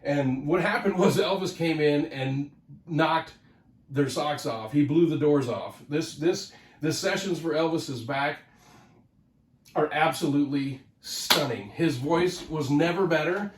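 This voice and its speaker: This record-collecting channel host talks casually to camera by himself, a bit nasal from a head cold and rambling with frequent fillers and restarts. His voice is on the high side and a little slow, captured by a distant mic with a roomy sound and a faint hiss or hum.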